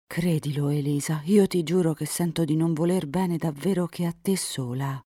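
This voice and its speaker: A woman reading aloud, voicing a proud, sincere young count who speaks earnestly and sometimes in a hush. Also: deep voice, fairly even intonation, moderate pace, slightly rough, dry recording, studio quality. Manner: earnest, sometimes hushed to a whisper.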